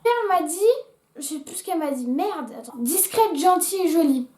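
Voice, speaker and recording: A teenage girl with a high voice, chatting to her viewers in a relaxed vlog and hesitating often with fillers. She talks in an echoey room. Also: a little fast, a little hiss or hum. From France. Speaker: YouTuber. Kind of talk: casual vlog chat.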